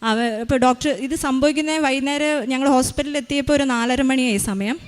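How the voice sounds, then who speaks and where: A woman's voice: high voice, steady tone, fast. A woman in her thirties giving a spoken faith testimony as a mother, retelling events earnestly with many hesitations.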